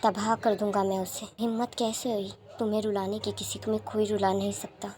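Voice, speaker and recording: A woman voicing a calm, protective young man who speaks softly and low to comfort his crying lover. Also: a little fast, background noise, natural voice. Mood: quietly menacing. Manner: soft, low, hushed and soothing.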